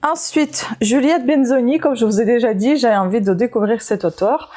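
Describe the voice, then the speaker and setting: A woman's voice: a little high, moderate pace, dark tone. A tired woman in a casual book-haul video, chatting with many fillers and restarts and reading book blurbs aloud. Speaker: booktuber showing second-hand books.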